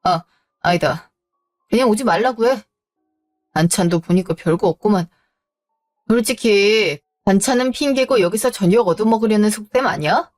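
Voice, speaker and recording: A woman's voice: medium pitch, moderate pace, pauses often, darkish tone, soft background music, natural voice. A woman voicing a rude, irritable middle-aged husband in a scripted audio drama. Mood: scornful. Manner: blunt and scornful.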